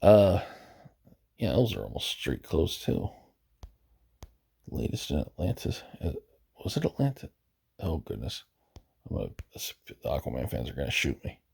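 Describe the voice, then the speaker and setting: A man's voice: extremely low pitch, very animated, a little slow, vocal fry, pauses often, darkish tone, breathy edge. A man giving casual, rambling commentary while browsing a video game roster, hesitant and often correcting himself, losing his voice. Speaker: gaming video host.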